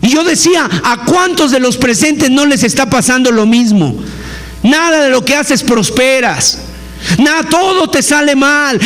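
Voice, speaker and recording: A Mexican preacher with a strikingly high voice delivers a fervent sermon. He keeps asking his listeners questions and acts out pleas to God as he goes. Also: fairly bright tone.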